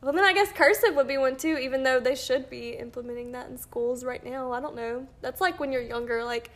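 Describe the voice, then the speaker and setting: A young college woman co-hosts a faith podcast, chatting casually in a high voice at a fairly quick pace. Her sinuses leave her sounding stuffy and congested, and she giggles often.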